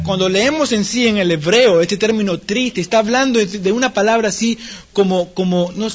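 A man pastor preaching a sermon, animated, acting out the people he quotes and laughing now and then. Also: high-pitched, highs cut off.

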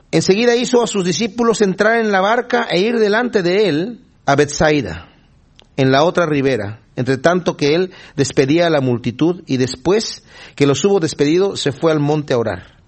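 A male preacher whose voice sits a bit high and swings widely up and down as he preaches. He reads scripture and then talks it through in a relaxed, chatty way, often turning to his listeners with a quick question. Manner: conversational, often asks the listeners "¿verdad?", chuckles while explaining. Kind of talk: sermon with Bible reading and commentary.

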